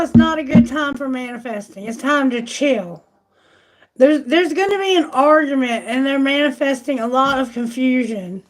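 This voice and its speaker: A woman's voice: sits high, a little hiss or hum, rough recording. A woman doing a live tarot reading, chatty and exclamatory, thinking aloud, and losing her voice. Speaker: tarot reader.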